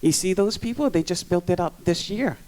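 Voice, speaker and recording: Middle-aged local speaker, Hawaii accent, public comment at a community meeting; warm low tone, earnest, stresses key words by repeating them. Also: normal speed. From Waianae coast of Oahu, Hawaii. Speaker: community member giving public testimony. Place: community learning center meeting room.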